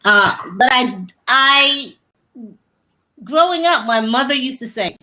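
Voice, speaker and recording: A woman's voice: sits high, lively intonation, slow pace, poor audio. A woman from the United States hosting a casual interview, telling stories about faith and travel with frequent restarts. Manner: warm faith-based storytelling with many restarts. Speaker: host.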